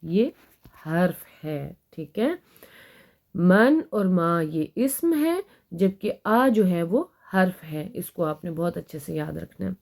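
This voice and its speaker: A woman teaching an Arabic grammar lesson, patiently explaining and reading example sentences slowly before translating them. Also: on the low side, lively intonation, creaky, a little mellow.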